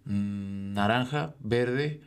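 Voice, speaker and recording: A man's voice: on the low side, extremely slow, clear, resonant tone. A young man with a Mexican accent, a podcast guest telling stories in a joking, slangy way. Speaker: guest, jiu-jitsu instructor. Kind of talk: casual chat.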